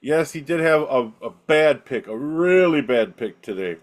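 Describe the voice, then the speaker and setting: A man co-hosting a sports podcast, playful and animated in casual chat. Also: fairly high pitch, normal speed. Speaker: podcast co-host.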